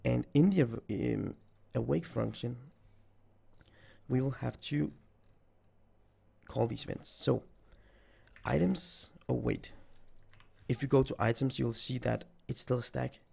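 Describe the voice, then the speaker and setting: Taking his time with long pauses, a programming tutor whose voice is nearly gone thinks aloud while typing code for a screen-recorded tutorial. His mid-range voice is warm, creaky and slightly rough.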